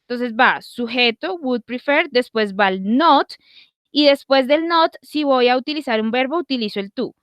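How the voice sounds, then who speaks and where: Female online English teacher, fairly high voice, dry sound, keeps checking in with students, slows down for examples. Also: lively intonation, a bit bright, no room sound. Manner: checks in often with short questions, slows down to read example sentences. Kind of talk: online grammar lesson.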